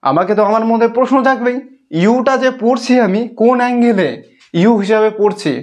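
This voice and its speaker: A man's voice: very high-pitched, a little fast, a little mellow. A man teaching an English lesson to children, explaining step by step and checking in with "okay".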